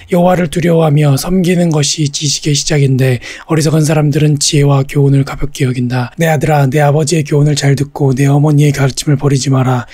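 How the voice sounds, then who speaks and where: A man reading Bible passages aloud in a steady, scripted recitation. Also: fairly high pitch, no echo. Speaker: Bible reader.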